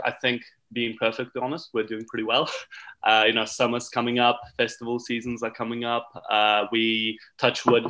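Young man, bright relaxed voice. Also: mid-range voice, poor audio. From Turkey. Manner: relaxed, many fillers like uh and you know. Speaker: guest, e-commerce marketer. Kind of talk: casual interview.

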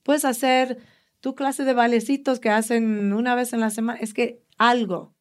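A woman's voice: fairly high pitch, normal speed. A woman fitness trainer telling stories with enthusiasm in a casual interview. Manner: enthusiastic, animated storyteller.

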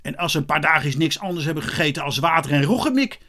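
A stout policeman grumbles and growls in a deep bass voice, as a male storyteller puts him on. He mutters his threats slowly and heavily. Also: lively intonation, sharp tone. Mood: grumbling.

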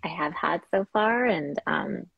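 A woman's voice: fairly low pitch, unhurried, gravelly, slightly rough, dry recording, dull audio. A woman from Kenya, a podcast guest chatting casually, hesitant with many fillers and restarts. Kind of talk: casual conversation.

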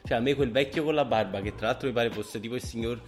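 A man's voice: medium pitch, fast, soft background music. A man with a stuffy, blocked nose, chatting casually as a podcast co-host. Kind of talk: casual chat.

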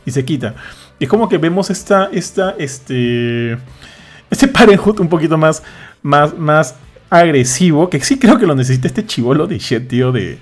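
A man chatting casually as a podcast host, lively and slangy, acting out what others say. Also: fairly high pitch, normal speed. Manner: animated, acts out quotes with slang. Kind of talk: casual chat.

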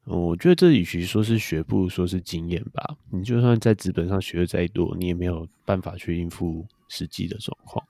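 Brief: young man, deep dark voice, quick casual podcast chatter, dry close mic. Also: vocal fry, dry recording. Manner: chatty storyteller. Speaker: podcast co-host. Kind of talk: casual chat.

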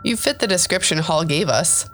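Man putting on an earnest young woman adventurer, high lively voice, audiobook, faint music. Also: moderate pace. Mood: firm.

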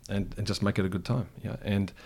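A middle-aged man with a New Zealand accent, guesting in a reflective conversational interview as a cafe co-founder, thinks back over his past. His fairly low voice is creaky, a little mellow and steady in tone, and his pace is brisk. He restarts sentences a lot and leans on fillers.

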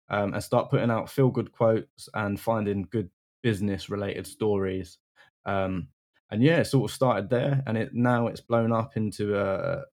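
A man's voice: lowish voice, darkish tone. A young man with a London accent, chatting casually as a podcast guest, friendly and full of ums. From England. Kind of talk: casual interview chat.

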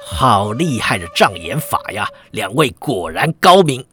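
A man voicing a calm martial expert who mocks his foes. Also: mid-range voice, measured pace, faint music behind, voice pushed down. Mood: mocking. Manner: cool, mocking.

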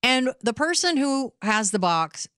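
A woman's voice: high-pitched, sing-song, unhurried, a bit bright, clean tone, dry recording. A woman hosting live talk radio, chatty and opinionated, speaking into a studio microphone. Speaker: radio talk host, filling in.

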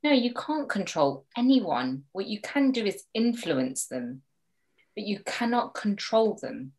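Lively woman mediator, chatty guest. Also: medium pitch, a little slow. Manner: animated, acts out quoted voices. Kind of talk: conversational interview.

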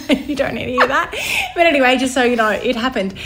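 A young woman co-hosts a podcast, chatting in a high voice a little fast, laughing often and restarting her sentences. Background noise can be heard.

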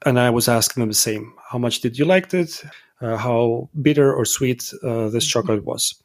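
A man from Serbia, a guest author telling a story in an interview, halting with many fillers and restarts. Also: medium pitch. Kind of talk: casual interview talk.

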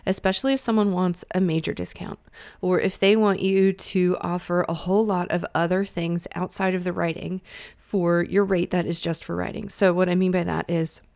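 A woman's voice: on the low side, vocal fry, darkish tone, no room sound. A woman coaching freelance writers in a chatty, emphatic way, often laughing and acting out quoted lines. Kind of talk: instructional talk to camera.

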